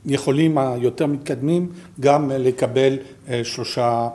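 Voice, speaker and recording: A man with a French accent gives an informal slide presentation as a programme director, haltingly searching for his words. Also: mid-range voice, fairly even intonation, dark tone.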